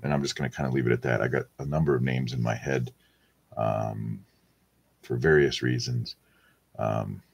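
A man with an extremely deep voice, gravelly and husky, talks from his home as host of a weekly prayer show. His delivery is gentle and halting, full of ums and loose asides. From Wisconsin, USA. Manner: soft-spoken, hesitant, many ums. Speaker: podcast host leading the rosary. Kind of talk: casual prayer-show chat.

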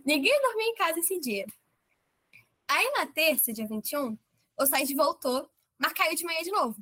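A young woman from Brazil telling an interviewer, in a casual and animated way, how she was approved, quoting herself and others as she goes. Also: sits high, moderate pace. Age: young adult. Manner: animated, quotes herself and others in lively voices. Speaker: approved medical student guest.

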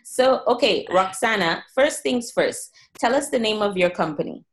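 A woman's voice: mid-range voice, expressive, normal speed. A woman hosting a podcast interview in an upbeat, encouraging way. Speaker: podcast host.

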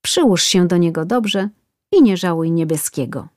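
A woman's voice: on the low side, lively intonation, normal speed, dry recording, studio quality, close to an everyday voice. A woman doing a whining man who fears pain. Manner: complaining, pleading. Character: whining man getting tattooed, fearful of pain.

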